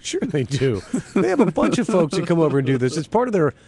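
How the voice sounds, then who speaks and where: A man's voice: fairly high pitch, very animated, fast, darkish tone, slightly rough. A man co-hosting a radio show in casual, conversational chat. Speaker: morning radio show co-host.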